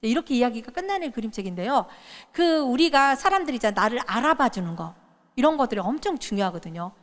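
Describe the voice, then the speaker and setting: A middle-aged woman giving a lively workshop talk, coaching the audience and acting out quoted voices. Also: on the high side, quick pace. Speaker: workshop speaker. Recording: reverberant hall.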